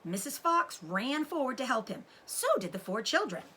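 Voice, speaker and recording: Speaking at normal speed in a slightly high voice, this teacher-like host reads a children's story with lively expression, pausing to explain words to the kids listening. A little hiss or hum sits under the audio.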